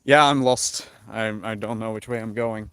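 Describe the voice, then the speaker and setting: A lightly accented Dutch man keeps a casual livestream going, reading questions from chat and musing aloud as he answers. His lowish voice moves at normal speed with a clean tone.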